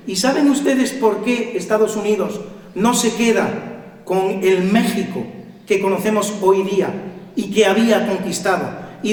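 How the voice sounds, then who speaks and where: Middle-aged Spanish male lecturer, rhetorical and emphatic, high voice, very echoey hall. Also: darkish tone, recorded from a distance. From Spain. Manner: emphatic, rhetorical questions to the audience. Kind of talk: public lecture to an audience. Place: cultural center hall.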